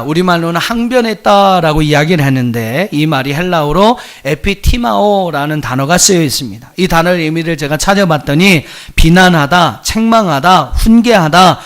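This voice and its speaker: A man's voice: a little high, lively intonation, normal speed, hardly any pauses, a bit bright. A male pastor preaching a sermon, addressing the congregation directly with emphatic rhetorical questions and light jokes. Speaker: senior pastor.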